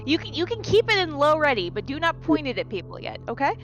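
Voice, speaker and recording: A woman's voice: high voice, very animated, fast talker, highs cut off, over music. A woman playing a tabletop game, decisive, laying out her character's plans step by step. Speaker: player. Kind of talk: tabletop role-play chat.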